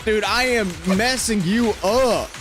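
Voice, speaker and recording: A game streamer reacting excitedly out loud, swearing and talking to the characters on screen. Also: mid-range voice, takes it slowly. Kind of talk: casual reaction commentary. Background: game music.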